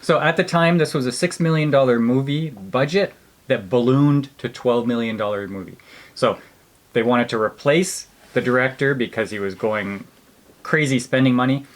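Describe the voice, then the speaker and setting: A man's voice: medium pitch, normal speed. A man co-hosting a casual, conversational movie review. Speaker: co-host of a movie review channel.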